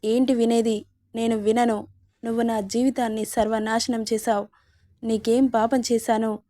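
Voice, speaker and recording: A woman's voice: a little high, level tone, normal speed, warm tone, dry recording, clean studio sound, close to an everyday voice. A woman reading a storybook, voicing an angry young woman who hurls bitter, scornful accusations. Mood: furious.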